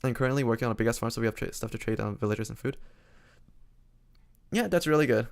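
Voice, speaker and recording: A man streaming games, chatting casually in a quiet, low-energy way as his voice starts to go hoarse. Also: fast. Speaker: game streamer.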